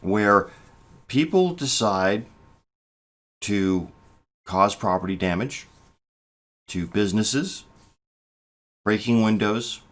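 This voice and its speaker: A man in his fifties talking through political commentary to the camera, measured and halting, with restarts and emphatic stresses. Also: lowish voice, fairly bright tone. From United States. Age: 50s. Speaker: political vlogger. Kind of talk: casual spoken commentary.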